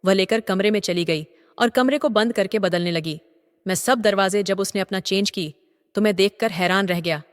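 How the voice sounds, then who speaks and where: An older man narrating a story in a steady, even reading voice. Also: high-pitched, moderate pace, clean tone. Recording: long reverb.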